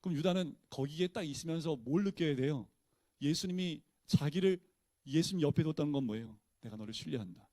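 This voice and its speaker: A man's voice: a little high, fairly quick, warm tone, dry recording. A male pastor teaching a Bible study in a casual, conversational way, often posing questions to his listeners and answering them himself.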